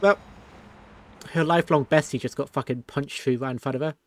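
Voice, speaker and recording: A man's voice: mid-range voice, fairly quick, a little hiss or hum. A man streaming a game, reading the story text aloud with crude, sarcastic asides.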